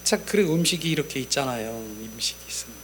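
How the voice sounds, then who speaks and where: A man's voice: mid-range voice, animated, quick pace, a bit bright, slight background noise. A male pastor giving a conversational sermon, repeating key phrases and acting out prayers in an intimate tone. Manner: acts out prayers in an intimate, whispering tone.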